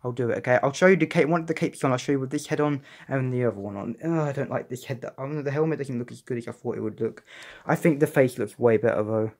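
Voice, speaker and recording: A young man chatting casually as he reviews a collectible figure, excitable and rambling with frequent restarts. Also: medium pitch, fast talker. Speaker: toy reviewer. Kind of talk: casual unboxing vlog.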